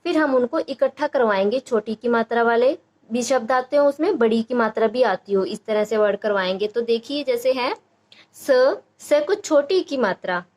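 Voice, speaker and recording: A young woman teaching a phonics lesson, with a fairly high voice. She breaks words into syllables and draws each sound out slowly and patiently. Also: lively intonation, darkish tone. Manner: slow, drawn-out syllable-by-syllable sounding out. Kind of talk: Hindi phonics lesson for parents.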